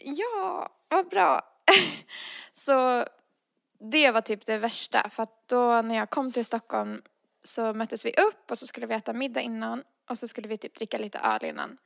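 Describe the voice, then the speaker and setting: A woman tells a personal story in a casual, chatty way, slipping into the voices of the people in it. Her voice sits a little high and has a gravelly fry to it. The sound is dry and close. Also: lively intonation, no room sound. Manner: acts out quoted dialogue, frequent fillers. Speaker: guest telling a personal story.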